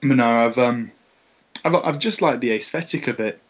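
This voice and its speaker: A man's voice: mid-range voice, moderate pace, husky, muffled recording. A man talking casually on a podcast, hesitant, with many fillers and restarts. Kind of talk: casual comics discussion.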